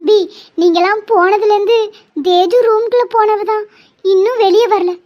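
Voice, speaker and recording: A woman's voice: very high-pitched, fairly even intonation, normal speed, darkish tone, dull audio. A woman voicing a worried mother in a cartoon, asking fretful, pleading questions about her son.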